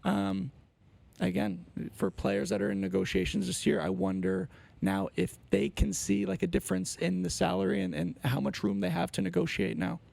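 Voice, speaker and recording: A man's voice: sits high, fairly even intonation, moderate pace, gravelly, a little mellow. A man in his twenties, a co-host who plays pro soccer, chatting casually and laughing between points. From Canada. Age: 20s. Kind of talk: casual chat.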